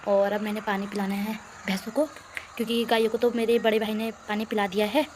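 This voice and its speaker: A woman's voice: mid-range voice, flat delivery, a little fast, a little mellow, slight background noise. A young woman from the hills of Uttarakhand vlogging casually about her village day while she has a cold and a sore throat. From Uttarakhand hills, India. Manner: chatty, talks to her viewers and coos at her cats. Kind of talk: casual vlog chat.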